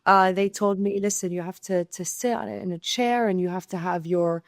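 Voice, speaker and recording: A woman's voice: mid-range voice, steady tone, normal speed, no echo, studio quality. A young woman from Syria, a podcast guest telling her story in an earnest way, often restarting and repeating words. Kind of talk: conversational interview storytelling.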